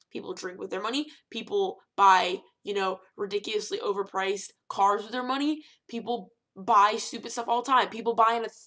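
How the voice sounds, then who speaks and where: Animated young woman vlogger, rambling. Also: on the high side. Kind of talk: casual vlog rant.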